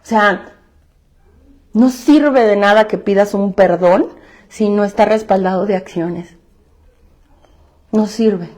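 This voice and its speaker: A woman's voice: mid-range voice, slow pace, long pauses, a little mellow. A woman with a Mexican Spanish accent giving a candid testimony talk to a self-help group, blunt and emphatic, swearing freely and repeating phrases for emphasis.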